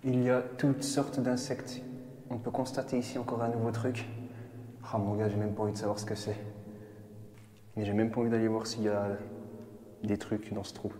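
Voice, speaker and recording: A man's voice: lowish voice, level tone, normal speed, pauses often, warm tone. A man exploring an underground bunker and filming a vlog. He talks to his viewers nervously and cracks jokes, and the concrete rooms give his voice a cathedral-like echo. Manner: nervous, joking, talking to viewers. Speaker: urban explorer filming a video. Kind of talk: vlog narration while exploring. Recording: echoey underground bunker, long reverb, faint ambience.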